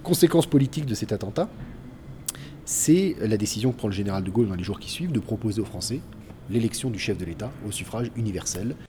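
A man narrates history in an informal, explanatory way. He talks very fast in a lowish, mellow voice, with some noise in the background. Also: lively intonation. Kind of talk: informal spoken history account.

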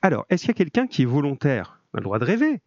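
A man's voice: a little high, wildly swooping pitch, racing, darkish tone, no echo, muffled recording. A man teaching a live online grammar class, encouraging and chatty with many fillers, heard over a video call.

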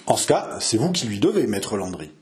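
A man playing a calm, ironic young chevalier who speaks with cool, biting composure. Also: lowish voice, a little fast, voice pushed down.

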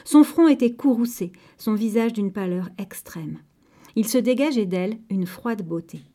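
Warm, expressive woman storyteller. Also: medium pitch, moderate pace. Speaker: narrator. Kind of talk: storybook reading for children.

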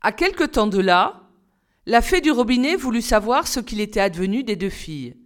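A woman narrating a children's story in a clear, measured reading voice. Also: on the high side, lively intonation. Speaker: reader.

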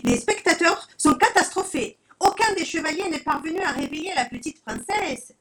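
A woman storyteller reading a children's story aloud with expressive, dramatic narration. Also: extremely high pitch, moderate pace, low-quality recording. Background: soft music.

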